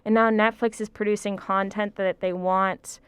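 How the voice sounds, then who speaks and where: A woman's voice: medium pitch, level tone, normal speed, clean tone, dry recording. A woman lecturer talking film on a podcast, thoughtful and hedging, with frequent ums and likes. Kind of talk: casual podcast discussion.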